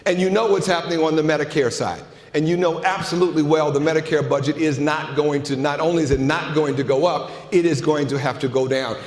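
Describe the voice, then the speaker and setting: A man giving an emphatic conference keynote in a large hall, repeating phrases for effect and asking rhetorical questions. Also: on the high side. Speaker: keynote speaker. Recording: echoey hall, long reverb.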